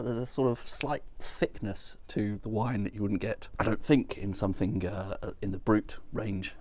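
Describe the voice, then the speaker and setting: A man giving casual, sommelier-like wine tasting commentary in a thoughtful, descriptive way. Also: fairly low pitch. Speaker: wine reviewer.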